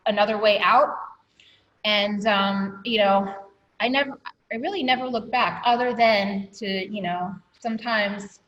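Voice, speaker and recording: A woman's voice: mid-range voice, fairly bright tone, lo-fi sound. A woman guest on an interview podcast, telling her story candidly with many ums and a catch of emotion in her voice. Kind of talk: reflective personal storytelling.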